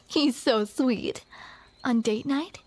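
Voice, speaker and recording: A young woman with a high, darkish voice performs a romantic comedy audio roleplay close to the mic with no echo. Flustered and playful, she speaks unhurriedly and lets out awkward little laughs.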